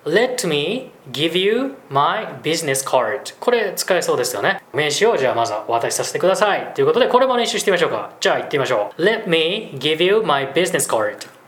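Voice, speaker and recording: A man who runs an English school, chatting in a lively way as he explains business English and laughs often. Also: fairly high pitch, very fast, few pauses. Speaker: English school principal, guest teacher. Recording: roomy echo.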